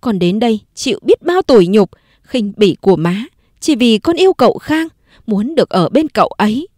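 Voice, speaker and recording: A woman's voice: on the high side, lively intonation, moderate pace, darkish tone, dry recording, clean studio sound, close to an everyday voice. A woman narrator voicing a proud, wronged young wife who speaks firmly and bitterly. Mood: defiant. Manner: bitter, firm and pleading.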